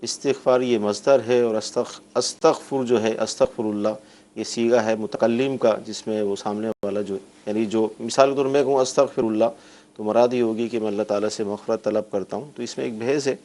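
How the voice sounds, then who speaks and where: A male TV host with a somewhat low voice, speaking from a studio. He fills in with steady short affirmations and turns to explain things to the audience. He moves the program along from call to call. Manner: keeps affirming with short replies and addresses viewers directly. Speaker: show host. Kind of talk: religious call-in Q&A on TV.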